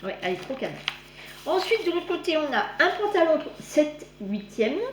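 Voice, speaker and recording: A woman's voice: sits high, sing-song, normal speed. A woman with a slight lisp on her s sounds, chatting casually as she hosts a magazine review vlog. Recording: roomy echo, clear background noise.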